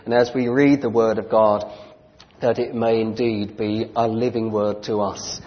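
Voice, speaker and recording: A man preaching a sermon into a pulpit microphone, earnest and deliberate, reading scripture and growing fervent. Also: fairly low pitch, flat delivery. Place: church sanctuary. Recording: dull church recording with long hall reverb.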